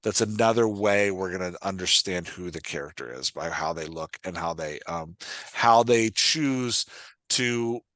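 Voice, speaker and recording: A podcast host and writing coach explains things conversationally, often checking that the listener follows. His low-pitched voice has lively intonation, a measured pace and a fairly bright tone, with no room sound.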